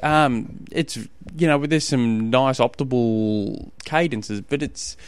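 An Australian man talks casually as a solo podcast host, in a smooth, clean voice at an ordinary male pitch. He rambles informally and often restarts his sentences as he gives coaching advice. The recording is close and dry. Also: slow, no echo.

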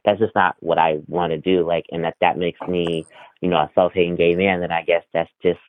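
Low-voiced man on a tinny phone line. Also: level tone, fairly quick, no room sound. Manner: rambling, many fillers. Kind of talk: casual podcast chat.

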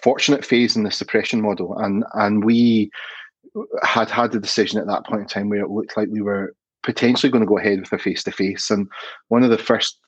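A man's voice: fairly low pitch, fairly even intonation, a little fast, breathy edge, no room sound, highs cut off. A middle-aged man from Scotland with a Glasgow accent, talking conversationally as a guest on a podcast interview. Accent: Scottish, Glasgow. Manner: conversational, restarts with fillers. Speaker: guest, association CEO.

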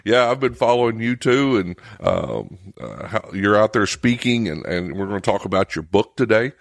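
A man with a lowish voice hosts a podcast in an easygoing, conversational manner. His voice is recorded dry and close, with no room sound. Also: moderate pace, vocal fry, no echo. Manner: relaxed, conversational, reads guest bio aloud. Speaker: podcast host. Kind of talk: casual interview.

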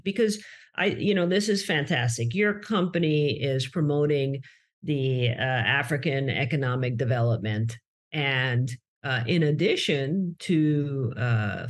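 Slow, halting interview host. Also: medium pitch. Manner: halting, many fillers, paraphrasing. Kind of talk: conversational interview questions.

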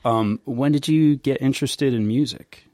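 A man hosting a casual podcast, talking in a relaxed, enthusiastic way. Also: mid-range voice, moderate pace, no echo, studio quality. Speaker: podcast host.

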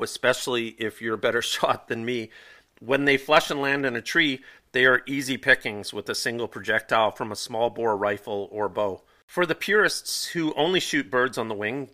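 A man hosting a hunting show, reading a scripted informational segment in a steady, even way. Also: medium pitch. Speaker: hunting podcast host. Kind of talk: scripted narration.

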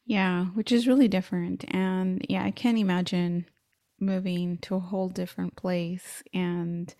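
An upbeat, encouraging woman hosting a career podcast. Her voice is mellow and warm, recorded close and dry with no room sound. She talks in a supportive, friendly way. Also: fairly low pitch, little pitch movement, measured pace, dry recording. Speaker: podcast host and career coach. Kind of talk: scripted intro, then casual interview.

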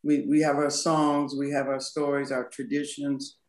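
A woman's voice: a bass voice, flat delivery, normal speed. A woman guest speaks in a thoughtful, emphatic way on a podcast and laughs easily. Her voice rings with plenty of room echo. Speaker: guest, culture and communication consultant. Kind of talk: podcast conversation.

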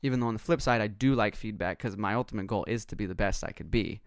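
A man's voice: on the low side, quick pace, no echo. A man chatting casually in an intense, passionate, assertive way, often dropping "like" into his sentences. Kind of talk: casual conversation.

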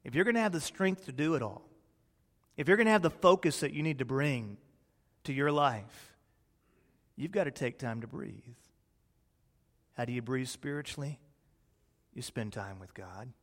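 A middle-aged man preaching a sermon as a pastor, with expressive delivery that swings from loud to hushed. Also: medium pitch, unhurried, long pauses, long reverb tail.

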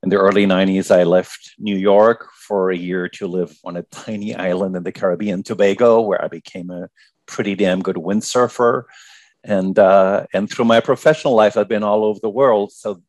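A man from Germany, a guest author, talking casually in an interview, lively and prone to repeating words as he starts. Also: on the low side, normal speed, no echo.

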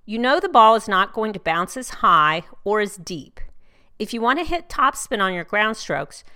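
A woman's voice: medium pitch, sing-song, moderate pace, pushed and bright. A woman from the United States hosting an instructional show, reading scripted tips in an upbeat, neatly organized advice-giving manner. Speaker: host of a tennis tips podcast.

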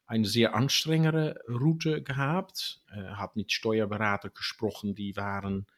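A man in his sixties from the Netherlands speaking German with a Dutch accent, answering interview questions haltingly with many fillers. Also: on the low side, steady tone. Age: 60s. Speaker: guest.

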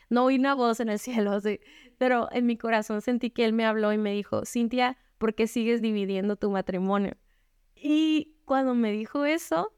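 A woman's voice: a little high, darkish tone, clear, resonant tone, dry recording, studio quality. A woman giving a candid personal faith testimony to other women, conversational and frank. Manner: conversational, frequent rhetorical "¿no?". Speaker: speaker sharing a faith testimony.

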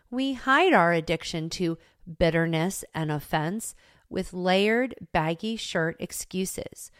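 A woman host reading a scripted devotional in a slow, measured way. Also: lowish voice, no echo, clean studio sound.

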